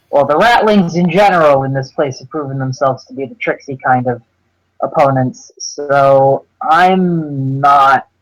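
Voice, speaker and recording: A man playing in a tabletop game who describes his character's actions in a measured, step-by-step way. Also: medium pitch, low-quality recording. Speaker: player. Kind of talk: casual tabletop game play.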